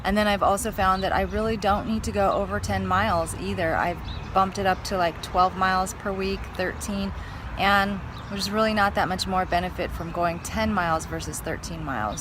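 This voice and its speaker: A woman's voice: mid-range voice, noisy background. A woman talking casually to her vlog viewers, thinking aloud in long, chatty explanations. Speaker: fitness vlogger.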